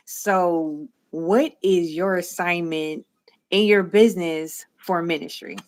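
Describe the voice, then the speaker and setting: A woman hosts a faith-centered livestream interview. Her voice sits slightly low and she speaks slowly. She tells animated stories and acts out quotes with playful laughter. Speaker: host.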